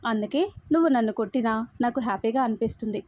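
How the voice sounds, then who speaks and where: A woman's voice: a little high, quick pace, darkish tone, natural voice. A woman voicing a young man who jokes with his best friend in a storybook reading. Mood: bantering. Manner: chatty, banter-filled. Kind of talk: storybook read-aloud.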